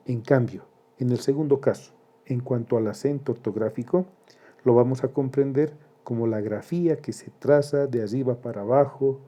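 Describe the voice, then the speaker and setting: Very dark-voiced male teacher. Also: medium pitch, muffled recording. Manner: slow and deliberate, spelling out syllables. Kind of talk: grammar lesson.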